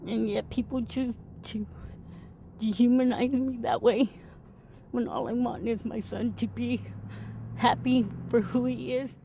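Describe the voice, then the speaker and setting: A woman's voice: on the high side, steady tone, measured pace, vocal fry, dark tone. A woman, a mother being interviewed, speaking earnestly and pleadingly, often repeating herself. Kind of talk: emotional interview testimony.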